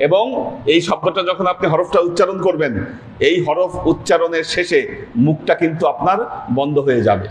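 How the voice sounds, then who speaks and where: A man's voice: a little high, fairly quick. A man teaching a pronunciation class, patiently repeating letter sounds for his students. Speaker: Sufi teacher leading a weekly class. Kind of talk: Quran pronunciation lesson. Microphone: livestream camera mic. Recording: echoey room with faint noise.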